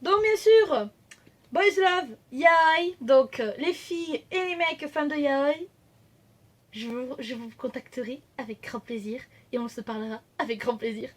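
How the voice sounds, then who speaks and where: Femme enthousiaste à la voix aiguë. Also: female voice, high-pitched, unhurried. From France. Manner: chatty, hesitant, many fillers and self-corrections. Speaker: vlogger. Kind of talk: casual chat. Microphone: phone camera.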